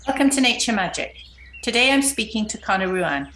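A woman's voice: medium pitch, lively intonation, a little fast, fairly bright tone, a little hiss or hum. A woman presenting and interviewing as a podcast host. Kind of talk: scripted introduction and conversational interviewing.

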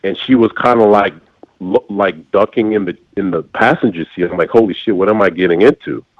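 Deep-voiced man in his forties, halting. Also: no echo, highs cut off. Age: 40s. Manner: halting, many fillers and restarts. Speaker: interview guest. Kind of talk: candid conversational storytelling.

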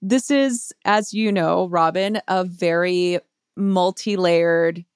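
Woman guest, reflective advice voice, lowish and gravelly, dry close mic. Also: slow, no room sound. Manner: earnest, rhetorical questions, leans on "of course". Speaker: guest author.

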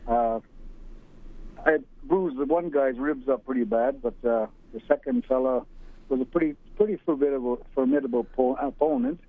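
A man's voice: mid-range voice, dry recording. Older man over the phone. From Alberta, Canada. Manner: rambling, halting with many uhs. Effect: heard over the phone. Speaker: radio caller. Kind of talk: casual phone-in chat. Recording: tinny dry phone line.

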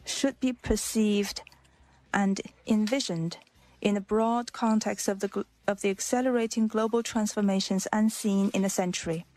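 A woman's dry, measured live interpreter voice. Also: medium pitch, steady tone, darkish tone, dry recording, low-quality recording. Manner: measured, deliberate and formal, with a self-correction. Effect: live interpreter voice rendering a leader's speech in a played news clip. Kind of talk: formal diplomatic interpretation.

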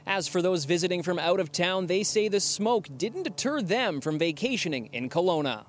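A male reporter narrates a scripted news piece. His voice is fairly high for a man. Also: animated, normal speed.

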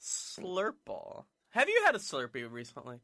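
Wildly animated American man, bright campy voice. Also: on the high side, fast. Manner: campy, teasing, dramatic. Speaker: podcast co-host. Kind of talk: casual pop culture chat.

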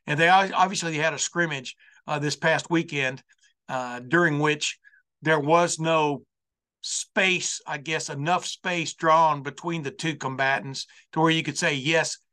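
A man's voice: fairly high pitch, fairly even intonation, measured pace, sharp tone. A man hosting a college football show with an unscripted monologue, folksy and rambling, often circling back over his phrases. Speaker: sports talk show host.

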